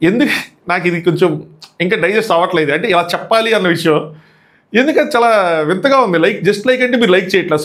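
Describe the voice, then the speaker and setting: Rapid, high-voiced young man reviewing an episode. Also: fairly bright tone. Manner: rapid, chatty, mixes English words into his talk. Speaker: YouTube show reviewer and host. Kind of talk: casual episode review commentary.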